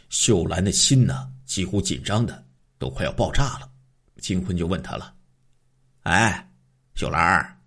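Guy telling a crime story, dramatic oral style, husky, huge pitch swings. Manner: dramatic, drawn-out phrasing with filler particles.

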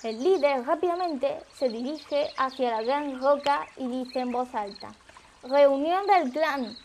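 A woman reading a story aloud as narrator, in a plain, steady way. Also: sits high, a little slow, slight background noise.

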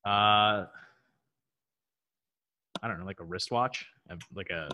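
A man's voice: lowish voice, takes it slowly, highs cut off, noisy background. A man co-hosting a podcast, thinking aloud through riddles in a laid-back, slangy way. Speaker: podcast co-host answering riddles. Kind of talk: casual chat.

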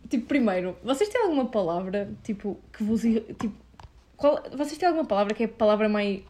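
A young adult woman with a European Portuguese accent chatting casually, animated and slangy, dropping in English words. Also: a little high, fast talker. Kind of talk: casual chat.

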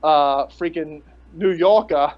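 Higher-voiced man ranting, lo-fi. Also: slow pace. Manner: rambling, profane, sarcastic. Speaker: podcast co-host. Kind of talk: casual rant about pro wrestling. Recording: dull lo-fi podcast audio.

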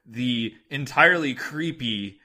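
Bright-voiced man chatting as a guest. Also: medium pitch, slow. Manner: animated, repeats words while thinking. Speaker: podcast guest. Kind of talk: casual podcast chat.

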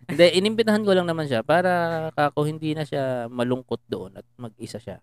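A man's voice: fairly high pitch, brisk, smooth. A young man co-hosting a casual podcast, teasing his friend and laughing often. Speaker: podcast co-host. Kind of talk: casual Tagalog podcast chat.

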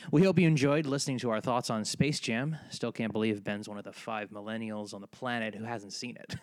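Teasing male host reading an outro. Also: mid-range voice. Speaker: podcast host. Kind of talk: scripted outro.

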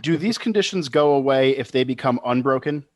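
A man at a tabletop game session, chatting and reading rules aloud. His voice sits at an ordinary middle pitch and his delivery is casual. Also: a little fast. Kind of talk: casual talk and rules read-out.

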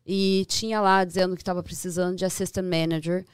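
A woman from Brazil with a Brazilian Portuguese accent, a podcast guest telling stories in a lively, animated way. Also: fairly low pitch, a little fast, clear, resonant tone. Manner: lively storyteller who acts out voices and laughs often. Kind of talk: casual storytelling chat. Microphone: studio podcast mic.

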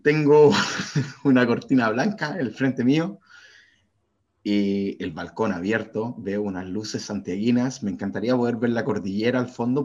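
A young man with a Chilean Spanish accent, co-hosting a podcast in casual banter, joking, swearing and arguing. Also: on the low side. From born in Brazil, raised in Chile. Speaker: podcast co-host. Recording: dull lo-fi sound.

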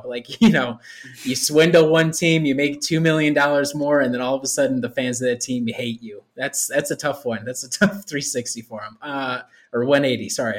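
A man chatting casually about sport as a podcast panelist, slangy and opinionated. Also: mid-range voice.

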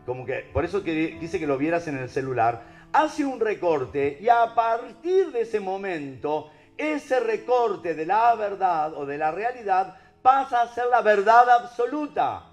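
A man with a Rioplatense accent preaches to listeners, peppering his talk with rhetorical questions. His voice sits a little high and leaps up and down with emphasis. Soft music plays faintly underneath. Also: a little slow. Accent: Rioplatense Spanish. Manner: animated, rhetorical questions to the audience.

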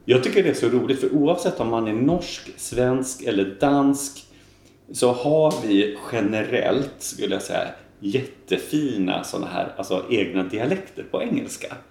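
A man from Gothenburg with a softened Gothenburg accent, chatting and explaining at length as a podcast co-host, with lots of fillers. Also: mid-range voice, expressive, gravelly, roomy sound. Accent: Gothenburg Swedish, softened. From Gothenburg, Sweden. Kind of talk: casual chat.

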